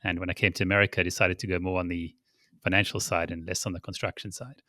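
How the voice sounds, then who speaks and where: A man, a guest on a podcast, talking about his background in a plain-spoken, steady way. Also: deep voice, fast, dry recording, studio quality. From South Africa. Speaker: guest, financial advisor. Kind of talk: casual interview.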